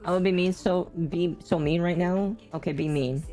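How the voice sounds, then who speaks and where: Low-voiced woman through a robotic voice changer. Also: steady tone, normal speed, dark tone, soft background music. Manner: chatty, amused running commentary. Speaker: game streamer. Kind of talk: casual live-stream chat while gaming.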